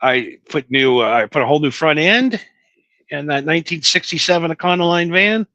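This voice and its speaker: Middle-aged male co-host, bright and forceful tone, dry close sound, animated self-mocking storyteller. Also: on the high side, brisk, dry recording. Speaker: podcast co-host. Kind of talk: casual stoner chat. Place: small studio.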